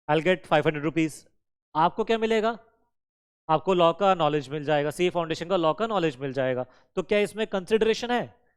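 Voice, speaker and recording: High, smooth-voiced male law teacher. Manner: keeps quizzing students with questions and answering them himself; mixes English terms and sentences into his teaching. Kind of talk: classroom lecture.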